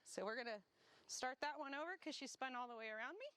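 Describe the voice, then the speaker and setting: A woman dog trainer talking casually as she walks outdoors, explaining each step and breaking off to give quick praise and corrections. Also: high-pitched, lively intonation, bright, forceful tone, clean tone. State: slightly winded from walking. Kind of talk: casual instructional talk while walking a dog. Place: outdoors on grass.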